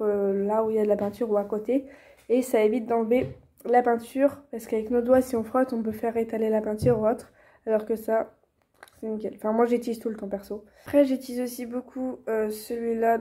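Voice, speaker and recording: A young woman, chatting casually through a how-to tutorial, filling pauses with many hesitations and restarts. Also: on the high side, little pitch movement, dark tone, slightly rough. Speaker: vlogger teaching reborn doll painting.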